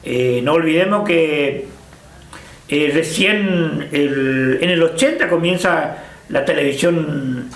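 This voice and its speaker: A man's voice: fairly high pitch, slow pace, echoey room. An older man with an Argentine Spanish accent, recalling the past in a hesitant interview, full of fillers and restarts. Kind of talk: casual reminiscing interview.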